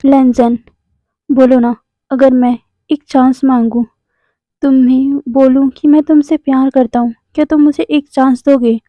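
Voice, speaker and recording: Earnest pleading young man, read by a woman, halting delivery, high pitch, phone-like dry recording. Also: flat delivery, no echo. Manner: halting, repeats words when pleading. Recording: dry, tinny phone-like sound.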